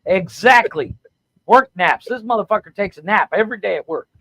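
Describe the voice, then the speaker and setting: A man co-hosts a casual podcast in brash, profane banter. His voice sits high for a man. It sounds dry and close, with no room echo. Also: animated, brisk, sharp tone. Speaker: podcast co-host. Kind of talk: casual chat.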